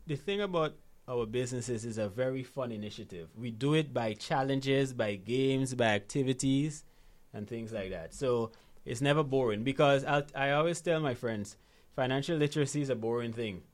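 Speaking at a normal pace with a medium-pitched voice, this guest from Guyana coaches listeners on money habits during a conversational interview. He tells his stories animatedly and keeps tagging them with "right?".

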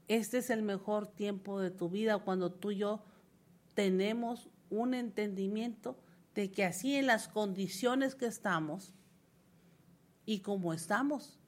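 Woman, sermon, fervent preaching, emphatic repetition, middle pitch.

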